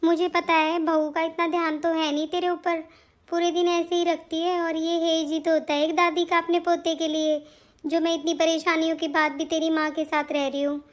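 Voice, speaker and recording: A put-upon, self-pitying older mother-in-law from a home comedy sketch, played by a woman. She grumbles and complains in a very high voice. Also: flat delivery, moderate pace. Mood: pleading.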